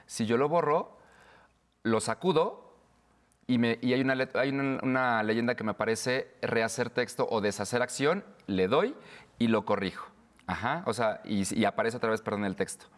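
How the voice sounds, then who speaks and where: A man's voice: mid-range voice, long reverb tail. A man, giving a patient step-by-step tutorial as an instructor. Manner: patient, explains slowly with pauses.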